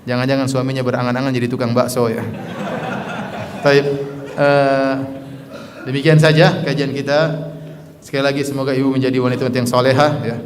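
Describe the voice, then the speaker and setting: A man's voice: medium pitch, flat delivery, fairly quick, long pauses, big-room sound, background noise. A man preaching a sermon to a women's study circle. He is earnest, drops playful asides, and tags nearly every phrase with a short "ya". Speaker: Islamic preacher.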